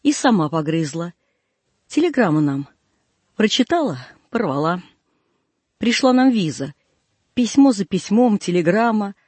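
Husky high-voiced male audiobook reader. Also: big pitch swings, a little slow, long pauses, darkish tone, dry recording. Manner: folksy, plaintive storytelling. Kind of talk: first-person folk tale narration.

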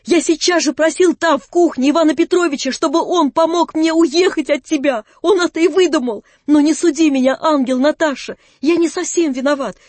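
A woman voicing an excitable, impulsive young man in love, pleading and rapturous, her voice raised high above her own. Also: no room sound.

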